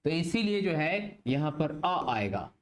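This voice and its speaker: A man's voice: a little high, very animated, measured pace. A man teaching English grammar in a video lesson. He asks questions and answers them himself, mixing Hindi and English. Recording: roomy echo, faint background hiss.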